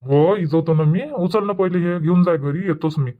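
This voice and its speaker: In a dubbed cartoon comedy, a man voices a grumbling old village husband who complains and lectures in a Varhadi Marathi accent. His voice is rather high yet close to everyday speech, and he talks at normal speed. The audio is dull and lo-fi.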